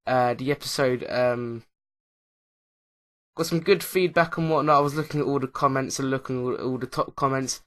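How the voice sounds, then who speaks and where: A man with a middle-pitched voice talks casually over his own game footage. He hesitates constantly, filling gaps with uh, um and like. He often loses his thread and restarts a sentence. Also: steady tone, moderate pace, fairly bright tone. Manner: hesitant, lots of uh and um fillers; rambling, loses track mid-sentence. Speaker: YouTuber, Minecraft Let's Player. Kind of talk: casual commentary over gameplay.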